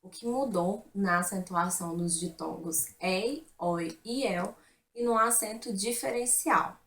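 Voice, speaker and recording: Woman presenter, friendly direct address, mid pitch, echoey room. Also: measured pace, fairly bright tone. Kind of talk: video lesson introduction.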